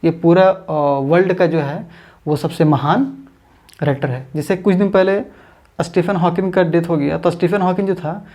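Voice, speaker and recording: In an online English grammar lesson, a man with a slightly high, steady, somewhat mellow voice explains things step by step. He repeats his points, stretches out example words slowly, and addresses viewers as his friends.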